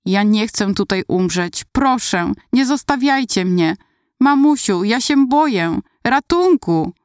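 A woman's voice: fairly high pitch, animated, slow, no room sound, studio quality, pitched above the performer's own voice. A woman voicing a frightened five-year-old girl, pleading tearfully for her mother in an audiobook. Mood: terrified, tearful.

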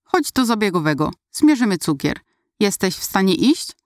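A woman's voice: mid-range voice, big pitch swings, normal speed, dry recording, studio quality, close to an everyday voice. A woman voicing a stern, impatient female hospital nurse who scolds children, in an audiobook reading. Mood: brusque. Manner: scolding, brusque.

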